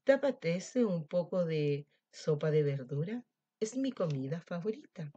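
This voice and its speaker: A woman's voice: big pitch swings, unhurried, slightly rough, dull audio, exaggerated voice. A woman voicing a hungry old male wolf in a storybook read-aloud, exclaiming and pleading in a raised voice. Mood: tender. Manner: exclaiming, pleading, louder and higher. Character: old hungry male wolf, grumbling but soft-hearted.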